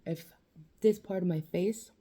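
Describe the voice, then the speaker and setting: A woman's voice: fairly low pitch, unhurried, mellow, husky. A young woman vlogging casually about quitting smoking while in facial nerve pain, rambling, swearing and joking at herself. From New Mexico. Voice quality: swearing, rambling, self-mocking. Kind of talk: casual talk to camera.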